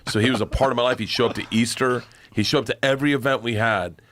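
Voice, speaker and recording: A man telling an excited family anecdote as a podcast guest. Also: medium pitch, quick pace. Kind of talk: casual storytelling.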